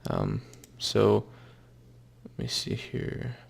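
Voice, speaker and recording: A young man casually walking through a software tutorial, loose and halting with lots of fillers and restarts. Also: lowish voice, huge pitch swings, creaky, husky. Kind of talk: casual screen-recorded tutorial.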